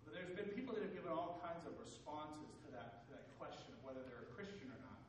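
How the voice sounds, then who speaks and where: Pastor, male, higher pitch, earnest sermon with restarts, big hall echo. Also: fast, a little hiss or hum. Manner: joking then earnest, many restarts and fillers. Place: church sanctuary. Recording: echoey hall, mic from a distance.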